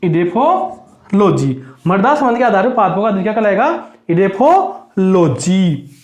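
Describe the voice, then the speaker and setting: A high-pitched male teacher runs an exam-prep class, firing a question upward and answering it himself on a low note, over and over. His voice rings around a bare, echoey room. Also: rapid-fire. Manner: drills students with repeated question and answer.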